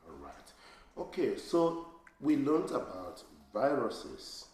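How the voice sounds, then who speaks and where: A man's voice: medium pitch, big pitch swings, slow, darkish tone. A man as a teacher giving an oral speaking test, asking patient questions and giving short praise. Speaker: English teacher and examiner. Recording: very echoey room with faint noise.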